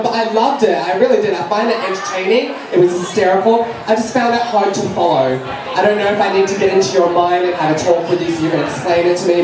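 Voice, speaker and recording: Casting: male show host and judge, candid, repeats himself, improvised critique, distant and noisy venue sound. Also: high-pitched. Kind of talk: off-the-cuff judging critique. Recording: echoey venue from far off, noisy crowd. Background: crowd noise.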